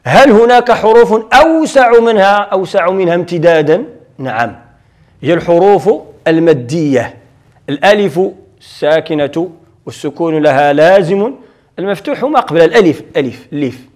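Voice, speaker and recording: A man's voice: high-pitched, animated, normal speed, a little mellow. A middle-aged man with a Moroccan accent lecturing on Quran recitation rules, explaining patiently and asking himself questions. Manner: explanatory, repeats key terms and asks himself questions. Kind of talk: classroom lecture on tajweed.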